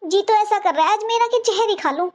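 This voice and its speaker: A woman's voice: very high-pitched, brisk. A woman voicing a young daughter-in-law in a cartoon, pleading and flustered as she answers her mother-in-law. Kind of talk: cartoon voice acting.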